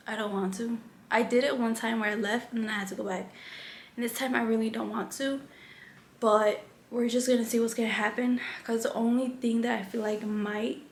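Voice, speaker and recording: A young woman talks in a loose, candid vlog ramble, dropping "like" everywhere and restarting her thoughts. Her voice sits a little high, and the room rings with echo over a faint hum. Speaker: vlogger. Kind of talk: casual chat.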